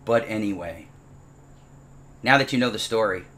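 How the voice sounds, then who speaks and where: Sitting at his dining room table at home, a programming instructor tells a funny story before the lesson starts. His voice is on the low side and moves at a normal speed, and he's animated, comically exaggerated, and self-deprecating as he mocks himself.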